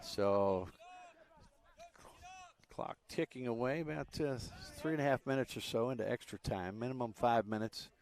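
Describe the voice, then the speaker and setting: Live youth soccer play-by-play comes from a man speaking at normal speed with medium pitch, casual and conversational and full of filler words.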